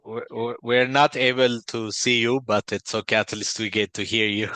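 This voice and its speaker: A man from Ethiopia hosts a video call and presents, talking in a friendly, halting way full of fillers and restarts. His voice is bright and forceful. The sound is dry and close. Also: medium pitch, little pitch movement, no echo. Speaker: meeting host, company founder.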